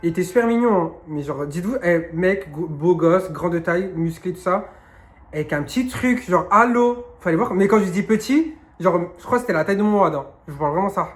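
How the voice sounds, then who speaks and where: A young man with a slightly high voice answers viewer questions in a relaxed vlog. He talks frankly and loosely, with lots of slang and fillers. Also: brisk. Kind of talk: casual Q&A vlog. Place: indoors, sitting on his knees.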